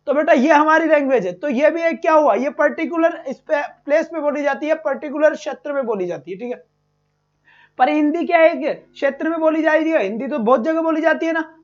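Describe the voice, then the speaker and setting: Male exam-prep teacher, high and lively, coaxing and repetitive; dull lo-fi audio. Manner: energetic, repetitive, calls students "beta". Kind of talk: online exam-prep lesson.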